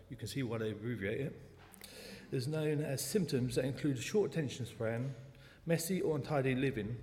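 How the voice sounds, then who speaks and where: A man in his forties with a South London accent gives a personal testimony from a church front, chatty and quick to joke at his own expense. His voice sits at an ordinary pitch for a man and carries a long reverb from the church hall. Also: a little mellow. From South London, England. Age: 40s. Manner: chatty, self-deprecating jokes. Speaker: lay speaker at a church service.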